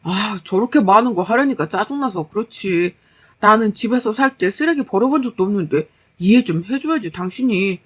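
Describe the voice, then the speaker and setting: A woman's voice: mid-range voice, lively intonation, normal speed, breathy edge. A woman voicing a lazy, defensive young husband who grumbles and brushes off complaints in a story. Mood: grumbling, defensive. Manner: whiny, dismissive.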